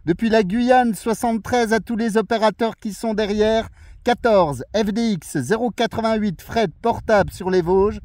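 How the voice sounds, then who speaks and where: Heard over a radio transmission from outdoors on a mountain, a man works as a portable radio operator and chats in a friendly way during a radio contact. His voice is high and a little mellow, at normal speed with no echo.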